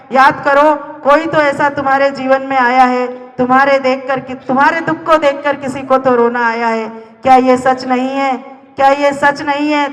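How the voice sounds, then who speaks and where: A man's voice: very high voice, fairly bright tone. Man, dramatic poetry recitation, declamatory, addresses audience directly, reverberant hall. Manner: declamatory, repeats each line, addresses listeners directly. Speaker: poet performing at a college event.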